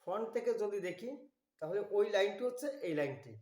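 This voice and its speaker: A man giving a slow, methodical drawing tutorial, walking through each step. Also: sits high, expressive, a little mellow, roomy sound. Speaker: drawing instructor.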